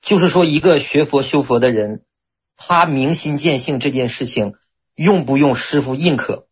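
Hesitant husky man asking a question. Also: medium pitch, normal speed, dull audio. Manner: hesitant, repeats words. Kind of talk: casual discussion.

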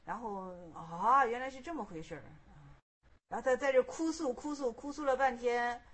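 A woman teaching as a Buddhist teacher, telling a Chan koan story in a lively way with many fillers. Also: a little high, normal speed, slightly rough.

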